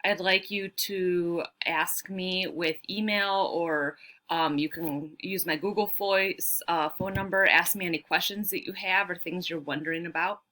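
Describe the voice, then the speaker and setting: A woman teacher giving a friendly, clear recorded announcement to her class. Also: lowish voice, steady tone, a little slow, bright, forceful tone.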